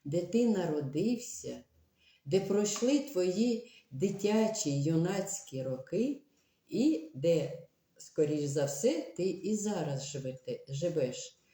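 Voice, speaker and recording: Slow, lively-voiced woman teaching. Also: on the low side, echoey room. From Ukraine. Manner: slow, deliberate teacherly explanation. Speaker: librarian teaching a language lesson. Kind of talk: online language lesson.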